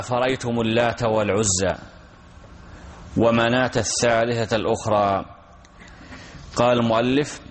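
A man giving a lesson and explaining a text, repeating key phrases and asking and answering his own questions. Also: medium pitch. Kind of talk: classroom lesson on Quranic commentary.

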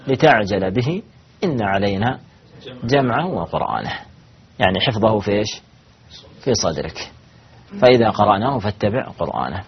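Fast, husky man teaching a lesson. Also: lowish voice, dull audio. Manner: asks students questions and answers them himself; halting, with repeated false starts. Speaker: religious teacher. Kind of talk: lecture to students.

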